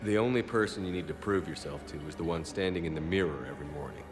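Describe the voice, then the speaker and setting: A man playing a confident, steadfast military commander in a video game, with a firm, measured, plain-spoken delivery. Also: low-pitched, natural voice. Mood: encouraging. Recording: music behind the voice.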